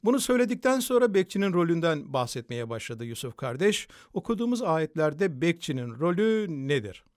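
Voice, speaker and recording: A man's voice: a little high, sing-song, fairly quick, no room sound, clean studio sound. A male host in a scripture study discussion who reads verses aloud, affirms his guest and asks him for comment.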